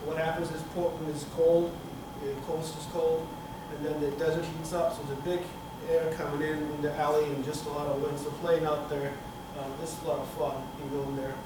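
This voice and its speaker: Giving a technical presentation, a middle-aged man from Turkey works through his slides while pausing often and beginning sentences again. His voice is slightly high and reaches the back-of-hall room camera from across a conference room with a projector screen. The audio carries heavy reverb and steady room noise.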